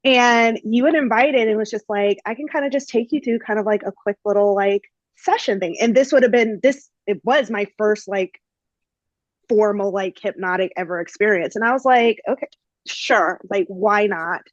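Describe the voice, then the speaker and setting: A woman's voice: medium pitch, moderate pace, no room sound, dull audio. A woman hosting a podcast, telling a story in a casual, chatty way with lots of fillers. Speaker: podcast host.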